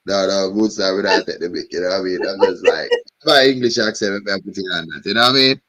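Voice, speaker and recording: A man's voice: low voice, fast talker, pushed and bright. A man hosting a live stream, chatting loosely and often repeating "you know what I mean". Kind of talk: casual chat.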